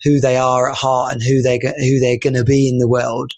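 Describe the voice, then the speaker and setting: A man's voice: medium pitch, completely flat delivery, a little fast, a little mellow. A man hosting a podcast, agreeable and rambling, often restarting his sentences. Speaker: podcast host. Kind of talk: casual podcast chat.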